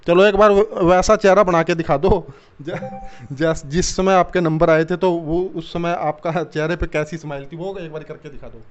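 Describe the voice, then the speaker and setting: A man interviews a guest for a local news channel. His voice sits a little high and comes through a dull, lo-fi recording. He asks friendly questions and often pauses on a filler. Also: steady tone. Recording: dull lo-fi sound.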